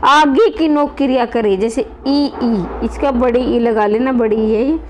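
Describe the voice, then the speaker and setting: A woman's voice: a little high, a little slow, darkish tone, a little hiss or hum. A woman teaching grammar to students in a classroom-style lesson, calling them children, repeating points and asking rhetorical questions.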